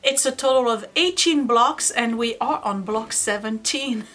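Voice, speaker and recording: A woman's voice: a little high, measured pace, a bit bright. A woman hosting a quilting series, talking casually and wandering into self-deprecating asides as she explains. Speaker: host of a quilting video series. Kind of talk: casual tutorial chat.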